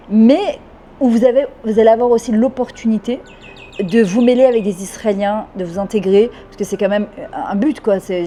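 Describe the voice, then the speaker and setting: A woman's voice: medium pitch, warm tone, slight background noise. A woman of about fifty from France, talking fervently and at length in an interview, dropping in Hebrew words. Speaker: interviewee, French immigrant. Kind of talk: casual interview talk.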